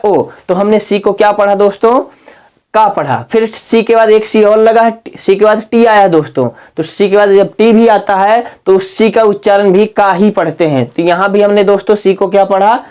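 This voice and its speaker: A man with a fairly high voice teaches a casual video lesson. He keeps asking his viewers questions and answering them himself, and he draws words out slowly as he spells them. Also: darkish tone, clear, resonant tone. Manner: slow, drawn-out spelling aloud.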